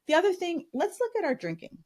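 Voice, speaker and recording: A woman's voice: very high-pitched, very animated, fast talker, a little mellow. A middle-aged woman coaching on diet in casual interview chat, emphatic and blunt, often restarting her sentences. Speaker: guest, weight coach.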